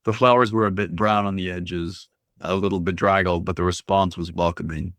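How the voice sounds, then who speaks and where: A man reading a first-person story aloud in a steady, even manner. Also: low-pitched, normal speed, dry recording. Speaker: audiobook reader. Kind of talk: scripted first-person narration.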